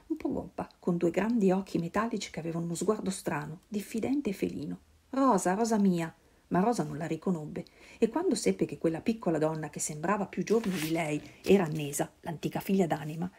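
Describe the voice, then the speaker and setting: Gravelly, husky woman reading a novel. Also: lowish voice, a little mellow. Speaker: reader. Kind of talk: literary reading aloud.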